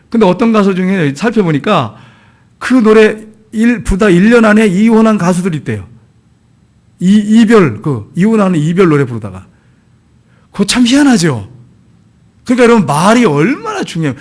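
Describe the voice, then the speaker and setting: A man preaching a sermon, blessing the congregation and repeating key phrases, with sudden drops from emphatic to quiet. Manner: animated, swings between loud emphatic lines and low quiet asides. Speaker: pastor.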